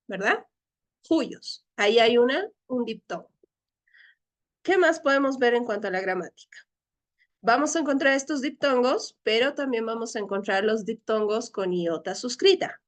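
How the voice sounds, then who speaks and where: A woman teacher with a slightly high voice leads an online Greek class at a moderate pace. She explains patiently step by step and often checks in with her students.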